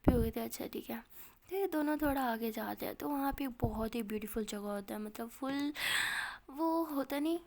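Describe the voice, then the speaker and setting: An Indian woman tells a love story as whispered role-play, drifting between narration and the lovers' lines. Her voice sits fairly high and stays soft and breathy throughout. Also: moderate pace.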